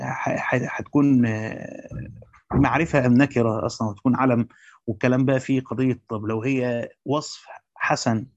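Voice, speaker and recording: A man with an Egyptian accent reads a commentary at a rapid clip, breaking off into colloquial asides where he stumbles and restarts his words. The recording is dry and a little dull, as if captured close up with modest equipment. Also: medium pitch, darkish tone, dry recording. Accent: Egyptian Arabic. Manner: fast reading with hesitant restarts in the asides. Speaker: teacher reading and explaining a Quran commentary. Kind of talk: classical Arabic reading with Egyptian colloquial asides.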